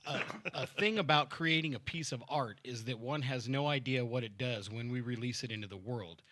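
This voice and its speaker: A man hosting a podcast in a home-built studio, his voice bright and forward. He talks loosely and profanely, laughing between fillers. The sound is dry and close-miked. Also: mid-range voice, normal speed, no room sound. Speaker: podcast host and band member. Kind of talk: casual chat and reading a fan letter aloud. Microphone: studio mic with headphones.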